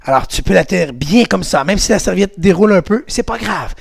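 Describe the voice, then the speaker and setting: Énergique professeur de karaté, voix haute. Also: male voice, high-pitched, brisk, vocal fry, slightly rough. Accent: Québécois French. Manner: energetic coaching, shouted counts and kiai cries. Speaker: karate instructor. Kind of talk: home workout class for kids.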